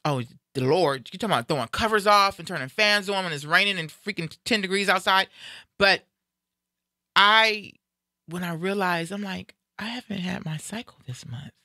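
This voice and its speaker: A woman's voice: lowish voice, normal speed, pushed and bright, no room sound, clean studio sound. A woman around fifty, the host, chatting casually and animatedly, laughing as she tells stories. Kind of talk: casual chat.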